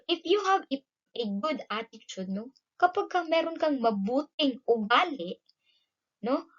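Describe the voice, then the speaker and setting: Filipino woman teacher, raised pitch, animated classroom delivery, muffled lo-fi recording. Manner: code-switching, frequent "no?" tag questions, lively emphasis. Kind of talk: classroom lesson.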